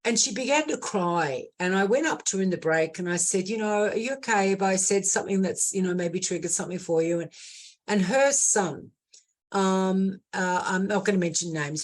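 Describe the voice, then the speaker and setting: Woman, doula on a webinar call, lower voice, impassioned and earnest. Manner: earnest, impassioned, repeats words as she builds a point. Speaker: end-of-life doula. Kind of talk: webinar storytelling.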